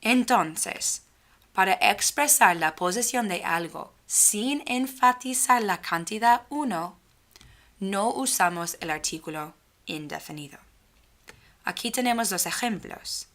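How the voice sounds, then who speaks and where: A woman teaching a grammar lesson, speaking slowly and clearly and drawing out the example sentences. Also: mid-range voice, fairly bright tone. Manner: slow, clearly spaced speech with stretched example phrases. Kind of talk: slow, careful grammar lesson.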